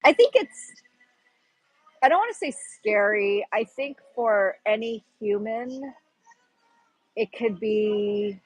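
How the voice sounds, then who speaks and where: Chatting on a casual livestream, a Pacific Northwest American woman rambles and searches for words. Her somewhat high, husky voice is animated yet slow, with long pauses, in a low-quality recording free of echo.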